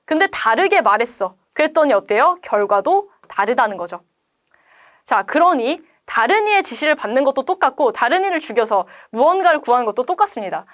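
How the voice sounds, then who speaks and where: A woman's voice: sits high, big pitch swings, a little fast, a bit bright. A young woman teaching a Korean literature exam explanation, asking rhetorical questions and paraphrasing quoted lines in casual speech. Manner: asks students rhetorical questions.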